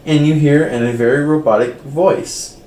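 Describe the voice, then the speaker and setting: A man's voice: on the high side, fairly even intonation, moderate pace, a little mellow. A man running a tabletop game as game master, narrating casually with fillers. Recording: roomy echo, faint background noise.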